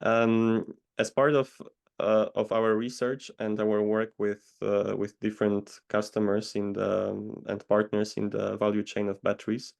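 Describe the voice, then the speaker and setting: Gravelly low-voiced man. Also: monotone, darkish tone. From Poland. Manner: measured, hesitant with many pauses. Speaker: guest consultant. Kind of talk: interview answers. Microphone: video call.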